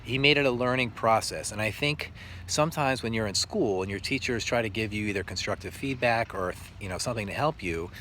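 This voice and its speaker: Teacher guy, kinda low voice, earnest and halting, slight hiss behind him. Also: pushed and bright. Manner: earnest, halting, with frequent pauses. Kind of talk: reflective storytelling monologue.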